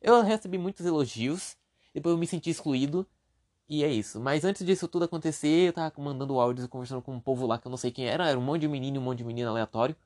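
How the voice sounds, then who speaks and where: Rambling young Brazilian podcast host. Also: male voice, a little high, very fast, darkish tone. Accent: Brazilian Portuguese. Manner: rambling, self-deprecating, jokey asides. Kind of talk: casual solo podcast monologue.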